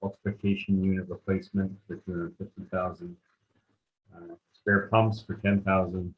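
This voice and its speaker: A man, a utilities director, presents a budget to a council in a halting way with many fillers, his audio glitching and cutting out over a video call. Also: low voice, flat delivery. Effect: glitchy audio that cuts out over a video call. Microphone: video call microphone. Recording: tinny, lo-fi video call line with faint noise.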